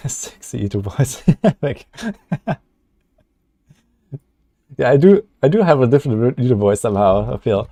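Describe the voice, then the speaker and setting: A man's voice: mid-range voice, animated, a little slow, pauses often, mellow, no room sound. A young man streaming casually, rambling with lots of fillers as he reacts to game patch notes. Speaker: gaming streamer. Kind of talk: casual livestream commentary.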